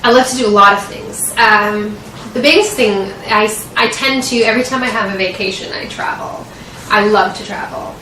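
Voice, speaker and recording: Interviewed as a medical student, a young woman from Washington State in the US answers earnestly but hesitantly in an American accent. She speaks at normal speed in a medium-pitched voice that sounds pushed and bright. There's roomy echo, faint noise, and a distant microphone.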